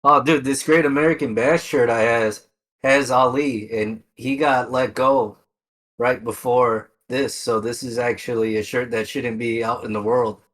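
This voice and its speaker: A man's voice: medium pitch, steady tone, a little slow, a bit bright. A man co-hosting a podcast, chatting in a laid-back, offhand way. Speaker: podcast co-host. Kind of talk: casual chat.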